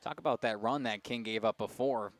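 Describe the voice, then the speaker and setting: A man's voice: fairly low pitch, fairly even intonation, fairly quick. A man calling baseball play-by-play on a live broadcast, teasing his partner and laughing easily between calls. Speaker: play-by-play announcer.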